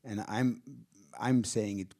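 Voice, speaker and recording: Finnish guy answering q&a questions, low mellow voice, lots of restarts. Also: steady tone, slow. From Finland. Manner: hesitant, restarts often, thinking aloud. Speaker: film director. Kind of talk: audience Q&A answers. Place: theater stage before an audience.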